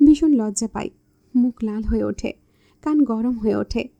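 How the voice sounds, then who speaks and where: A woman narrating a romantic story with a calm, even reading. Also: a little high, moderate pace, creaky, dull audio.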